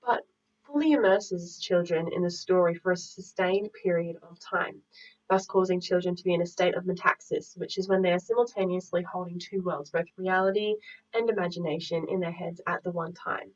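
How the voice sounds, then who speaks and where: A woman presenting a drama lesson plan, reading in a measured, explanatory way. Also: fairly low pitch, fairly even intonation, distant mic. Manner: measured, explanatory, reads from a script. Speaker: student teacher presenting a lesson. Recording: muffled audio, speaker away from mic.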